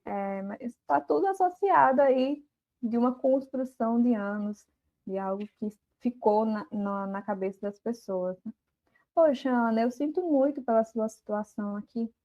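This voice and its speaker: A woman's voice: fairly high pitch, moderate pace, dark tone. Earnest woman explaining, muffled audio. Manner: earnest, explanatory, many fillers like "né". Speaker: podcast guest. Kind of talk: explaining in a live podcast chat.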